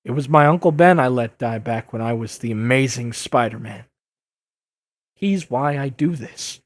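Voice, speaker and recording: A man playing a youthful, earnest masked superhero in an audio drama, speaking with emotional, imploring and halting delivery. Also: a little high, no echo, lightly acted. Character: youthful earnest masked superhero, joking but pleading and wounded.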